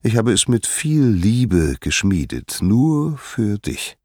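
A man voicing a gruff, proud male smith god in a storybook reading, speaking plainly and low. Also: very animated, slow pace, a little mellow, no room sound, clean studio sound, full character voice.

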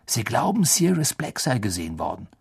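Brief: a man playing an excited schoolboy whispering gossip fast, husky. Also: mid-range voice, heavily acted. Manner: hushed, quick and excited.

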